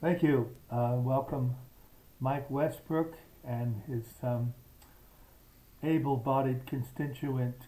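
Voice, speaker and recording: An American man hosting and introducing a guest, speaking in a halting, hesitant way with a standard American accent. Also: mid-range voice, darkish tone, poor audio. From United States. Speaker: host. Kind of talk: unscripted introduction of a guest, with some read-out quotes.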